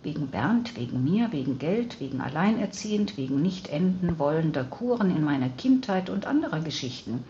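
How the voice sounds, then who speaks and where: A woman's voice: low voice, big pitch swings, moderate pace, hardly any pauses, warm tone, a little hiss or hum. A woman voicing a worn-out young teacher who answers in a tired, defensive way, on slightly dull audio. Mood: weary. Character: weary, stressed young teacher.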